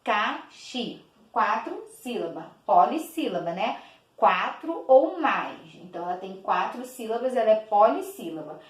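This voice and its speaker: A woman teacher gives a patient children's lesson, clapping out each syllable slowly and repeating words. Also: mid-range voice, sing-song. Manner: slow, clapping out each syllable, many diminutives. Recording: echoey room.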